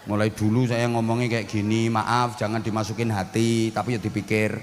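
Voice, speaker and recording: A man's voice: on the low side, little pitch movement, a little fast, long reverb tail, a little hiss or hum. A man with a Javanese accent preaching a humorous sermon, blunt and joking, speaking outspokenly to a gathering. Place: outdoor religious gathering.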